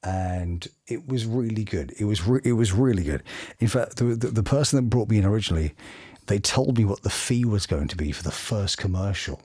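A middle-aged British voice actor, interviewed casually in a small indoor home studio, tells anecdotes with expressive, dramatic flair. His voice is lowish, a little fast, with a breathy edge.

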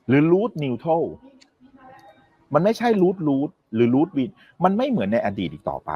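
A man with a husky, slightly breathy voice talks about the economy in a loose, conversational way. His pitch moves a lot, rising and falling sharply to stress each point. He sounds sure of himself, makes firm calls, and keeps asking his listener whether they agree. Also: a little mellow, no echo, dull audio. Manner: confident, makes firm predictions. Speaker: economic commentator. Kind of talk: casual explanatory talk.

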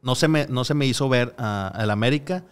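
Smooth-voiced man telling stories. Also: mid-range voice, fairly quick. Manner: rambling storyteller, frequent hesitations and acted-out quotes. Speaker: podcast guest. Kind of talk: casual podcast conversation.

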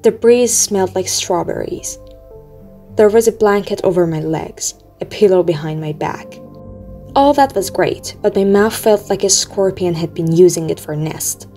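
A woman reading an audiobook aloud in a steady, measured storytelling manner. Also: mid-range voice. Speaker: audiobook reader. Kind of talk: audiobook narration. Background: faint music.

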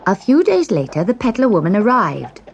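A woman narrating a children's storybook in an expressive, gently dramatic way. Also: mid-range voice, a little fast, vocal fry, slight background noise.

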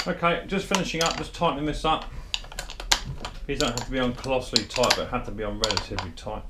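Speaking fast in a mid-range voice, a man repairs a chainsaw brake in his workshop for his small engine repair videos. He's relaxed and talkative, slightly self-mocking, reasoning aloud as he goes. The head-mounted camera mic catches plain background noise and clicking tools.

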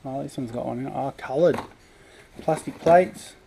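With a mellow, mid-range voice touched by vocal fry, the urban explorer talks at a moderate pace, casually describing everything he encounters inside an abandoned campus building. The sound comes from a head-mounted action camera and is noisy, like typical handheld camera audio.

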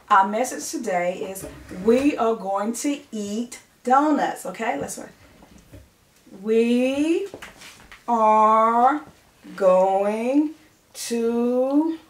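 A middle-aged woman teaching a children's lesson to camera, speaking in simple, repeated phrases as a preschool teacher. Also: mid-range voice. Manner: simple, repetitive phrasing addressed to young children. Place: living room or study at home. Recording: roomy, distant mic, faint noise.

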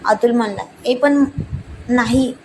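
A woman's voice: a little high, slow, noisy background. A woman narrating a romantic family story and voicing the dialogue lines with small shifts.

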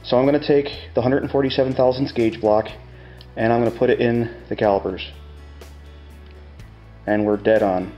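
A man's voice: medium pitch, steady tone, normal speed, long pauses, dark tone, highs cut off, soft background music. A middle-aged man explaining step by step like a plain-spoken machinist, in a casual hands-on tutorial. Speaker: tutorial host demonstrating measuring tools.

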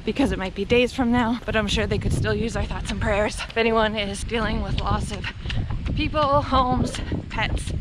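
An American woman with a fairly high voice talks to her camera while running along a country road. She is casual, wry and sarcastic, swearing freely. The handheld outdoor audio has clear wind noise. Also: normal speed. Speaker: vlogger. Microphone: handheld camera at arm's length. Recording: windy, noisy outdoor action-camera audio.

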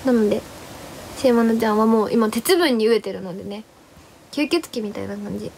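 A woman's voice: fairly high pitch, brisk, vocal fry, a little mellow, slight background noise. A young woman chatting casually on a livestream. She rambles about her day and greets viewers one by one. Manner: rambling, chatty, greets viewers, refers to herself in third person. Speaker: livestream host.

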